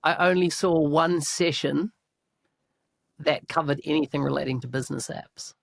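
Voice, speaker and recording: A man's voice: on the high side, fairly even intonation, moderate pace, vocal fry, no echo, studio quality. A man on a podcast giving matter-of-fact observations in casual chat.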